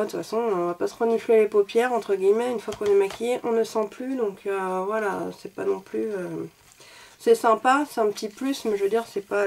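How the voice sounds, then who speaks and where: A woman's voice: mid-range voice, gravelly, darkish tone, slight background noise. Chatty woman with a slight cold. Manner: chatty, self-deprecating, lots of fillers. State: a little sick, coughing. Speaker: beauty vlogger. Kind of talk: casual makeup review.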